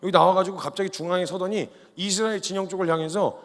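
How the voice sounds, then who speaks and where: Casting: a high-voiced male preacher, animated storyteller, recorded in a large hall with long reverb. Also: quick pace. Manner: animated storytelling, colloquial, acts out dialogue. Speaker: missionary preacher at a youth camp. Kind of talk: lively revival sermon.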